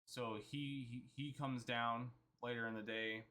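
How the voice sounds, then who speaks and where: A man with a bright, forceful voice tells a story in a loose, rambling way. He talks casually and keeps quoting what he and others said along the way. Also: medium pitch, fairly even intonation, a little slow. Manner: rambling, chatty, quotes himself and others. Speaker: vlogger.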